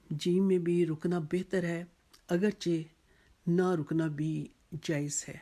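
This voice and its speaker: A Quran teacher explains the lesson in a measured, unhurried way, pausing often between phrases. The voice is mellow and warm, and it stays level with little rise and fall. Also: mid-range voice. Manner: measured, explanatory, with frequent pauses.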